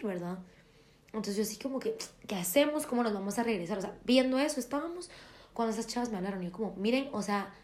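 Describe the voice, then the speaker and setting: Young woman telling a story. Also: mid-range voice. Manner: animated, acts out quoted dialogue. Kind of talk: casual storytelling chat.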